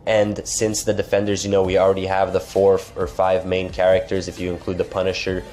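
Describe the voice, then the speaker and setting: Congested from a cold, a gaming channel host runs through game news in a casual, chatty way, restarting often and leaning on filler phrases. His voice is low, monotone and a little mellow, and he speaks a little fast.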